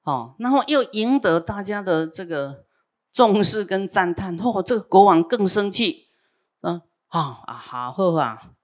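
A woman's voice: mid-range voice, animated, measured pace. Chatty woman telling a Buddhist tale. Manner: chatty, frequent fillers "哈". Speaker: Buddhist storyteller. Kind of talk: casual Buddhist teaching story.

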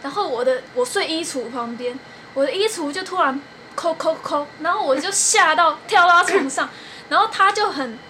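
Young female podcast host, bright and high, giggly storyteller, faint fan hum behind. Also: lively intonation, moderate pace. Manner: giggly storytelling, laughs often. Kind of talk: casual chat.

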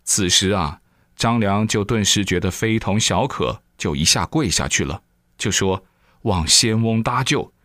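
Male preacher, lively storyteller, exclamatory, lowish voice, dry sound. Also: moderate pace, no echo. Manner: animated storyteller with frequent exclamations. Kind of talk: storytelling dharma talk.

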